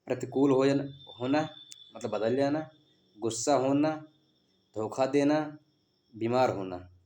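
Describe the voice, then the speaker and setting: Male teacher, mellow tone, drills exam questions, repeats key answers back. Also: mid-range voice, measured pace. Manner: quizzing, reads options then gives answers; repeats key words as a question to stress them. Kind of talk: exam practice lesson.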